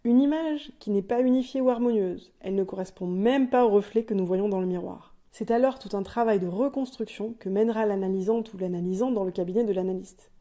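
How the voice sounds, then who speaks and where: A woman's voice: mid-range voice, brisk, hardly any pauses, mellow. A woman hosting a podcast, delivering a scripted, explanatory solo monologue with light asides. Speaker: podcast host.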